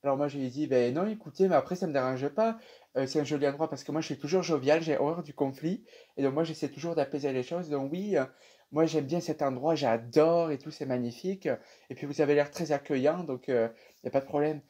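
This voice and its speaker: Young man, French accent, casual storytelling, chatty, mellow voice, fairly high pitch. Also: brisk, breathy edge. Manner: animated, chatty, many fillers. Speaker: YouTuber telling a dream.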